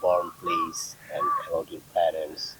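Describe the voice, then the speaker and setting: Deep-voiced male interviewer, halting. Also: flat delivery, a bit bright, breathy edge, low-quality recording. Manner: halting, filler-heavy questions in non-native English. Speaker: interviewer and video host. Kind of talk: casual interview questions.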